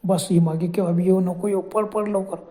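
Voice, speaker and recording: A man plays a frightened young villager who keeps his head and gives urgent commands in a spoken ghost story. The voice stays very dark and mellow. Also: sits high, steady tone, brisk, lightly acted.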